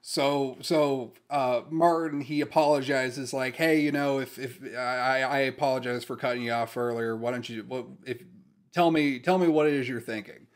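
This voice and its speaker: A man's voice: mid-range voice, fairly even intonation, normal speed. Podcast co-host, male, loose chatty recap, stumbles and restarts. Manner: rambling, many restarts and quoted lines. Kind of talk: casual chat recapping a sitcom episode.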